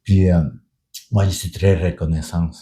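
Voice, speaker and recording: Middle-aged guy, french isn't his first language, deep low voice, really mellow dark tone, earnest storytelling with lots of restarts. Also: level tone, moderate pace. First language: not French. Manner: earnest, with hesitant restarts and repeated words. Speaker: union leader and pastor. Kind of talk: documentary interview storytelling.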